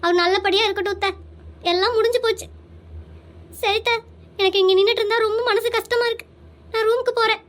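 Heartbroken young woman, soft and subdued, very high voice, performer-voiced for a cartoon. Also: steady tone, fast, pauses often. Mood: sad.

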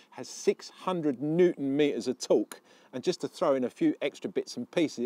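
A man's voice: mid-range voice, a little mellow, dry recording. A man presenting a casual car review walkaround outdoors beside a car, chatty and storytelling, often asking the viewer questions.

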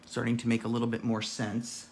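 A man with a gravelly voice, chatting and counting aloud as he demonstrates a painting craft. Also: medium pitch, monotone, a little fast, a little mellow, slight background noise. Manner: chatty, counts dots aloud while working. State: gravelly voice today. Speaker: craft instructor.

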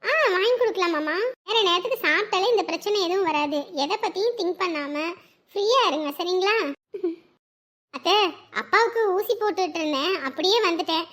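A woman voicing a kind young doctor in a cartoon drama, gentle and reassuring. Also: very high voice, brisk. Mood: calm. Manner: gentle, soothing.

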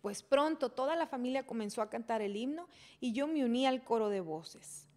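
A woman reading a children's chapter book aloud in a gentle, steady storytelling manner. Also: a little high, moderate pace. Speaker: reader.

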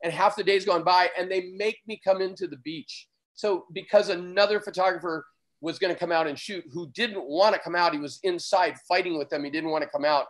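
A man, a surf photographer, telling an excited, vivid story as a guest in a conversation, often getting loud. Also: high voice, fairly quick, rough recording.

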